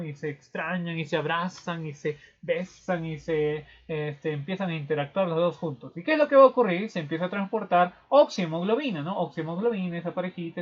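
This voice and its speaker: A male teacher giving a physiology review, explaining with playful storytelling and frequent tag questions. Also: a little high. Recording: dull lo-fi recording.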